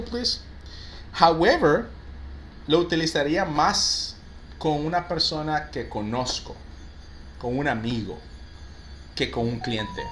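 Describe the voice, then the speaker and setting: Upbeat bilingual teacher, quick praise for students, faint noise behind. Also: male voice, fairly high pitch. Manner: lively, mixes Spanish and English, praises students often. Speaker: English teacher for call center agents. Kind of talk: live online class, reading out student answers.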